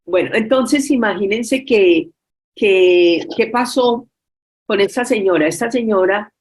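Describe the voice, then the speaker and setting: A woman giving a storytelling religious talk over a video call, retelling a story with many filler pauses. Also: medium pitch, husky. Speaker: speaker at a forgiveness workshop.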